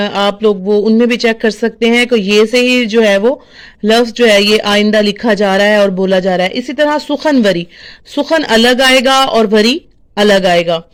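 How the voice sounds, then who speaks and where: Woman teacher, Pakistani Urdu accent, unhurried and hesitant delivery, slightly high pitch. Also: clear, resonant tone. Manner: hesitant, with frequent fillers and restarts. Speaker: teacher sharing word corrections. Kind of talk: informal spoken lesson.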